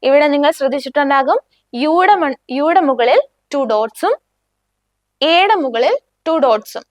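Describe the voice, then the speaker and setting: A woman teaching a beginner language lesson with a Malayali accent, saying each word slowly and asking learners to repeat after her. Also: sits high, lively intonation, no echo.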